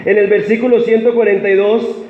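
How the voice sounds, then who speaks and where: A man preaches with lively energy, often asking the congregation to answer or repeat after him. His voice sits high. The recording is a dull, echoey capture from a church hall with faint noise behind him. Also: brisk. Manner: animated preaching with audience call-and-response. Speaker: pastor. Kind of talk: sermon. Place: church sanctuary.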